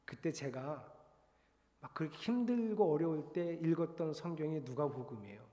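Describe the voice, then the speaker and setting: A middle-aged man preaching a sermon as pastor, telling his story in an animated, confessional way with exclamations. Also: fairly high pitch, normal speed. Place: church sanctuary. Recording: long hall reverb.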